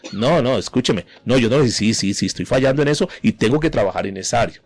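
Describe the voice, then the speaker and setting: A man's voice: mid-range voice, darkish tone. A male pastor delivering a sermon to a congregation in a church hall. He questions the listener directly and often repeats words as he gathers his thoughts. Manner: preaches with rhetorical questions to the listener.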